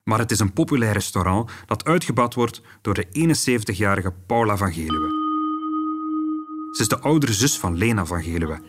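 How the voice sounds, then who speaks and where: A man's voice: lowish voice, expressive, a little fast, heavy background noise. A man with a Flemish accent reading scripted true-crime documentary narration as the host. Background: music.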